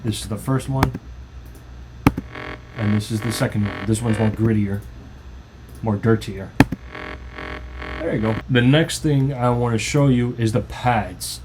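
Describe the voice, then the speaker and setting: A man's voice: on the low side, measured pace, pauses often. A man, a music producer, giving a loose, informal tutorial walkthrough of his own song. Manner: loose, informal explaining with restarts. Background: faint music playing.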